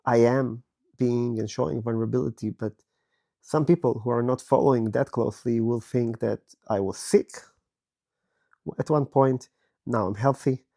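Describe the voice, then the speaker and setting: Speaking steadily in a low, warm timbre roughened by a virus, a podcast host in his 30s, born in Israel, records a personal reflection from bed in his bedroom. His raspy, hoarse delivery is slow, thoughtful and candid, with frequent pauses throughout.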